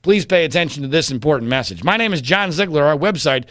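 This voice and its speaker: A middle-aged male podcast host with a slightly high voice talks in a wry, rambling monologue, full of filler words. The recording is dry and close, with no room sound. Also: lively intonation, fast, a bit bright, no echo. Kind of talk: casual monologue answering listener questions.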